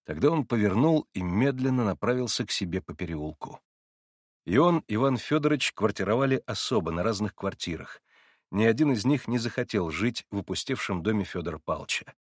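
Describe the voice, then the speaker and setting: A man reading a classic novel aloud in measured, even scripted narration. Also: fairly low pitch, no room sound, studio quality. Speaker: audiobook narrator.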